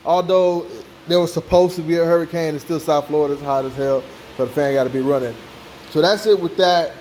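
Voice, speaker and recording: An American man talks casually to his viewers as host of a car-build vlog. His voice sits slightly high for a man. There is some fan noise behind him, as in a working garage. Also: fairly quick, darkish tone, rough recording. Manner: informal, repeats "you know what I'm saying". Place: hot car workshop with fan running.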